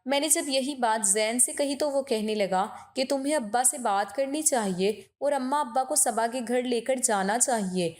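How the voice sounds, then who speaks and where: A woman's voice: fairly high pitch, hardly any pauses, darkish tone. A woman telling an emotional first-person story in an earnest, scripted reading.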